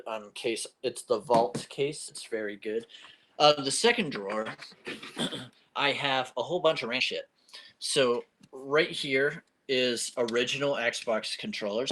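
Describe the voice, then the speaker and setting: A man's voice: medium pitch, fairly bright tone, a little hiss or hum. Young man rambling through a casual show-and-tell. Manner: rambling, many ums and uhs. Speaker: vlogger showing his game room. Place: at home in a game room. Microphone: phone camera.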